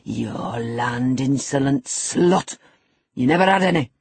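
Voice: mid-range voice, steady tone, normal speed, slightly rough, no room sound. A narrator voicing a savage, brooding middle-aged master of a house, harsh, imperious and threatening, in an audiobook. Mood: savage fury.

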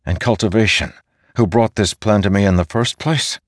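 This dramatic fantasy reading has a male audiobook narrator as a commanding general who is worn out but refuses to yield, his tone challenging. The voice sits on the low side at normal speed, pushed up and lightly acted, earnest and demanding, with a close, dry, echo-free sound.

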